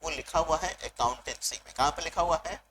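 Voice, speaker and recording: A male commerce teacher giving a revision lecture, mixing Hindi and English, asking questions and answering them himself, and reading out definitions slowly. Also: on the high side, noisy background. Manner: switches between Hindi and English mid-sentence. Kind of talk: online exam revision lecture.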